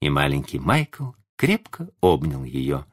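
Deep voice guy reading a kids' story, very animated intonation. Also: takes it slowly. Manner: expressive storytelling with lively intonation. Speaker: narrator. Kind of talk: scripted audiobook narration.

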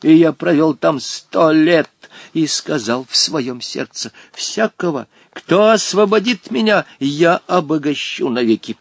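A man's voice: fairly high pitch, animated, a little slow, vocal fry, dry recording, pitched above the performer's own voice, full character voice. A man voicing a pompous, wrathful old male genie in an audiobook, speaking in archaic, threatening phrases. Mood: haughty. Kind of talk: audiobook character voice.

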